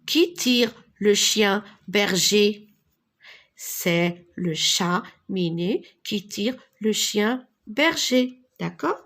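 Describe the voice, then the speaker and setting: A woman teaching a reading lesson to young children, speaking slowly and deliberately and repeating words for pupils to echo. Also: mid-range voice, expressive, fairly bright tone.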